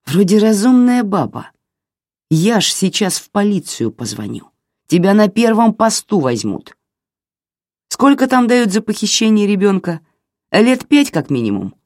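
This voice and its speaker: Reader doing a middle-aged bully of a father, barking and menacing, with a lively pitch. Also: measured pace, no echo, clean studio sound. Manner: barking, threatening. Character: angry, domineering village father, middle-aged man.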